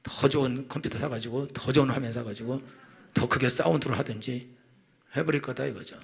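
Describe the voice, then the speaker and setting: A man's voice: medium pitch, fairly even intonation, a little fast, creaky, slightly rough. A middle-aged male pastor giving a Sunday sermon in a chatty, teasing way, acting out quoted voices for the congregation.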